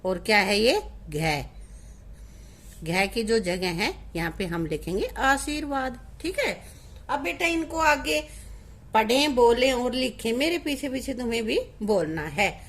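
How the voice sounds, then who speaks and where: A woman's voice: on the high side, animated, measured pace, fairly bright tone. A woman teaching a lesson to young children, asking questions and answering them herself in a coaxing, patient way. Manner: asks questions and answers them herself, calls pupils beta. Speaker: primary school teacher.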